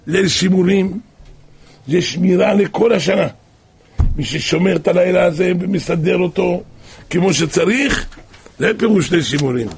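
A man telling a religious tale as a sermon, dropping to hushed asides and then crying out loud repeated calls. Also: vocal fry, breathy edge. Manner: shifts from hushed low asides to loud cried-out repetitions. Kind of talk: storytelling sermon.

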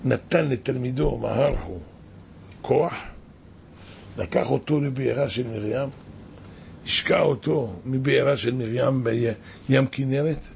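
A man's voice: mid-range voice, vocal fry, pauses often, a little mellow, slight background noise. A man preaching a sermon as a rabbi, impassioned and exclaiming, with many rhetorical questions.

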